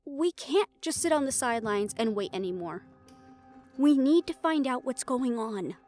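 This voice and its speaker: In a scripted fantasy audio roleplay drama with background music, an actress plays a determined, rule-bending woman hunter. Her voice sits high and is animated and a little mellow, at a moderate pace, as she speaks insistently and persuasively in an urgent, resolute mood.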